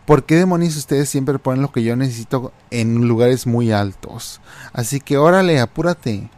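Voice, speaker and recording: Guy doing a shrill bossy karen type lady, mexican accent, storybook reading, barks orders. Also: moderate pace, a little mellow, natural voice. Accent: Mexican Spanish. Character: rude demanding entitled woman shopper.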